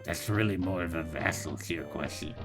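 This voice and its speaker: A man's voice: low-pitched, moderate pace, over music. A man voicing a callous, businesslike game supervisor who gives matter-of-fact instructions about grisly work. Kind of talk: reading game dialogue aloud.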